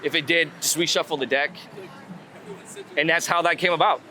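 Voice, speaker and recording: A man is interviewed casually as a street photographer in a walk-and-talk outdoors on a city street, thinking aloud and repeating words as he goes. His voice is fairly high, bright, and forceful, with a steady tone and moderate pace. The outdoor street recording picks up city traffic noise, urban ambience, and vehicles.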